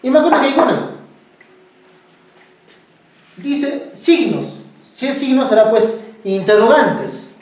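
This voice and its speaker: A woman's voice: fairly high pitch, very animated, takes it slowly, long pauses, darkish tone, far from the mic. A woman teaching a language lesson, asking her students questions and coaxing answers from them. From Cusco, Peru. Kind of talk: classroom lesson. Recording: very echoey room, voice from off the mic.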